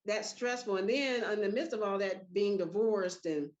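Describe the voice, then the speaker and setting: A middle-aged woman hosts a relaxed talk show, recounting stories and acting out what people said. Her voice sits in a middle range. The sound is dull and lo-fi, like a call recorded online. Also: medium pitch, normal speed. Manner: animated storytelling with voiced quotes. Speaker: podcast host. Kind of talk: casual chat.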